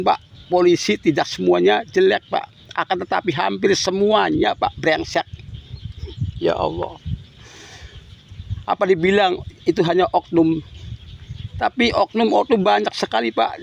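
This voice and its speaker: A man's voice: high-pitched, gravelly, dull audio. A grieving middle-aged father making an impassioned, pleading public appeal to the authorities, repeating himself and addressing them respectfully over and over. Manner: pleading, repetitive, ends phrases with "Pak".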